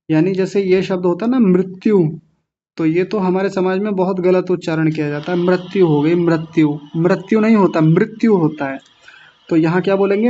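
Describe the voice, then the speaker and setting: Male pronunciation teacher, high voice, very deliberate, lo-fi online class audio. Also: dark tone. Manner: slow, drawn-out syllable-by-syllable chanting demonstrations; corrective and patient, repeating sounds.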